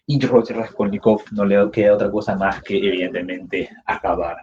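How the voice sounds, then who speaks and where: A man teaching literature in a lively storytelling lecture, acting out scenes with sound effects and tag questions. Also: on the low side, moderate pace. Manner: acts out scenes with sound effects and character voices, frequent "¿no?". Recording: slightly dull, faint background noise.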